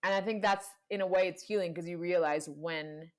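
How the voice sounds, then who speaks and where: A young woman from Panama and Colombia, a guest in a casual chat, tells a personal story packed with "like" fillers and acted-out quotes. Her voice is lowish and steady at normal speed.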